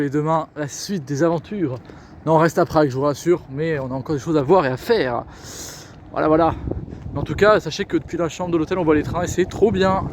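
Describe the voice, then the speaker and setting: Tired, chatty male travel vlogger. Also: fairly high pitch. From France. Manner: chatty, enthusiastic, many fillers. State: tired, sore feet. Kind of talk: casual travel vlog. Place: outdoors in a city and indoors in a hostel. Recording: street noise behind a handheld camera.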